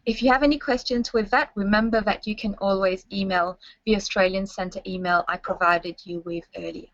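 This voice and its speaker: Brisk and fairly bright, with a steady mid-range voice, a young woman from university staff presents a webinar to students in a friendly, teaching manner and frequently checks they follow. French is her first language, and the audio is dry, slightly dull, and muffled.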